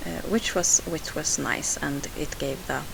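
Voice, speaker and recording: Gravelly and low-pitched, this Swedish woman's voice keeps a steady tone and measured pace as she narrates her scrapbooking process with a Swedish accent. As the video's host, she often restarts and says "uh." The voice-over is a hissy home recording.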